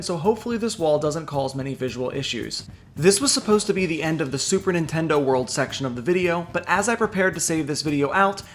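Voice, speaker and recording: High-pitched man narrating a scripted video. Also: a bit bright, a little hiss or hum. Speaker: theme park news video narrator.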